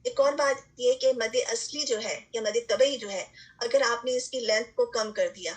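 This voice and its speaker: A woman's voice: fairly high pitch, rough recording. A woman teaching a recitation lesson, explaining step by step and often checking in with her students. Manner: patient explaining, frequent "theek hai" check-ins, English terms mixed in. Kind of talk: online lesson lecture.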